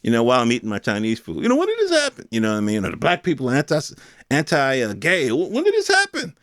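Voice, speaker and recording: A man's voice: mid-range voice, wildly swooping pitch, fast, fairly bright tone, dry recording, clean studio sound. An American man hosting a podcast, talking off the cuff in a casual, colloquial opinion monologue full of rhetorical questions. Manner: colloquial, rhetorical questions, mimics imagined speakers. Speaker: podcast host.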